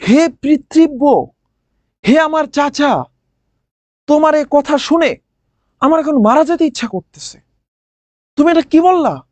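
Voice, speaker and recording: A man's voice: very high-pitched, no echo, full character voice. A man voicing a distraught young prince who pleads tearfully with his uncle, speaking.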